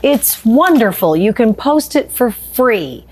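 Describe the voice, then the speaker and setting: Animated woman telling stories. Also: on the high side, slow. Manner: animated storyteller, laughs easily. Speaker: show host and producer. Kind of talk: casual podcast conversation.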